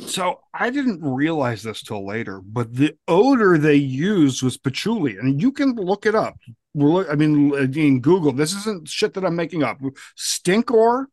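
A man's voice: a little high, sing-song, normal speed, darkish tone, no echo, studio quality. A man co-hosting a casual podcast chat, rambling with lots of fillers and "you know what I mean". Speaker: podcast co-host.

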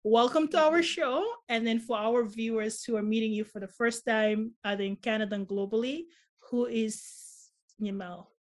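A woman's voice: on the high side, moderate pace. A woman hosting a casual interview, giving short encouraging replies and friendly questions. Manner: upbeat, short encouraging responses. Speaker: interview host.

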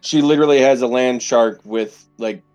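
A man's voice: mid-range voice, normal speed, a little mellow, clear, resonant tone, faint music behind. A man playing a tabletop game, making casual, chatty asides. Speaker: player.

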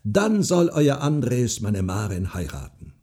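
A man voicing a stubborn, boastful old farmer who speaks gruffly and mockingly. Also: mid-range voice, very animated, slow, exaggerated voice. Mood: boastful, scornful. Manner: gruff, loud and mocking, drawn out.

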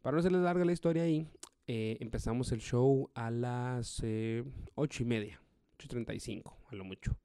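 A man, a stand-up comedian telling a story in a profane, animated way. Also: mid-range voice, brisk, clean tone, no room sound, studio quality. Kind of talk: storytelling monologue.

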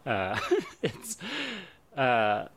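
A young man co-hosting a casual podcast. He talks in halting bursts, full of fillers and restarts, and he laughs often. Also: fairly low pitch, sing-song, a bit bright. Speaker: podcast co-host. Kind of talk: casual chat.

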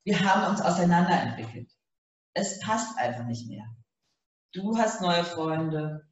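Man doing a timid, hesitant young woman in an audiobook, higher voice, very echoey room. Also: animated, a little slow, recorded from a distance, highs cut off. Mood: placating. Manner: hesitant, placating. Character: timid, soft-spoken young woman roommate.

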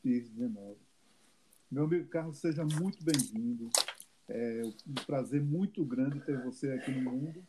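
A man's voice: mid-range voice, normal speed, background noise. A man hosting a web radio interview show, asking friendly, encouraging questions. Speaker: show host.

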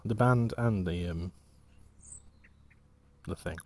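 Brief: low-pitched man, relaxed vlog chatter, halting and rambling, trails off mid-thought. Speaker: walking vlogger and artist. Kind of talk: casual rambling monologue.

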